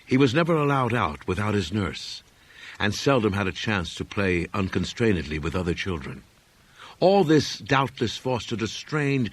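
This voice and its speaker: An audiobook reader with a low, somewhat husky voice narrates a horror story. He reads solemnly and deliberately, in measured, scripted audiobook style, and there is no room sound at all.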